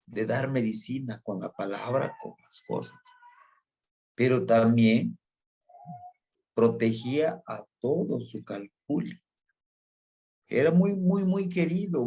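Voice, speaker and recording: Slow, husky man teaching. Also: mid-range voice, mellow. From Mexico. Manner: unhurried, explanatory, addresses listeners directly. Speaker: teacher of Nahuatl tradition. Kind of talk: spoken lesson with anecdote. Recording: dull lo-fi recording.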